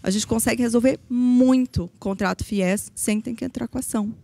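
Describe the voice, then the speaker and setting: Guesting on a podcast, a woman from Paraná, Brazil, who works as a federal public defender, describes her job earnestly while hesitating often. She speaks a little fast in a higher, dark-toned voice with vocal fry, recorded without echo.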